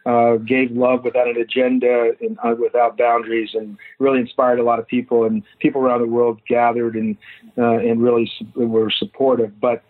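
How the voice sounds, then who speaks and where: A man in his fifties, a foundation founder, speaking haltingly with many fillers as a guest in a phone-in interview. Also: mid-range voice, level tone. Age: 50s. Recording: tinny phone line.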